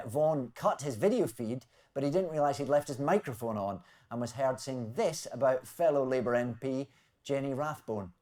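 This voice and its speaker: A man hosting a comedy news quiz, reading scripted jokes with wry, deadpan timing. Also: medium pitch. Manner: wry, deadpan delivery of punchlines. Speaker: quiz show host.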